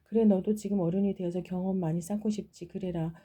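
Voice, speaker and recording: A woman voicing a poor, loving old fisherwoman mother in a folktale, speaking gently and pleadingly. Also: mid-range voice, steady tone, fast talker, close to an everyday voice.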